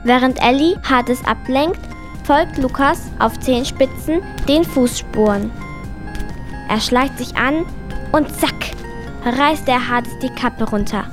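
A woman narrator telling a children's adventure story in a lively scripted style. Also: high voice, slow pace. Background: music.

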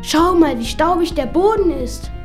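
Woman as a high-voiced plucky young boy. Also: lively intonation, normal speed, soft background music. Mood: eager. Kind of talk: children's audio drama acting.

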